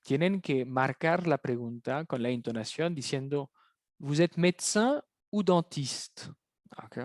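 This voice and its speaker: A man with a mid-range, slightly mellow voice teaches French review online, giving his explanations in Spanish. The recording is clean studio quality without echo, and he patiently repeats phrases for the class.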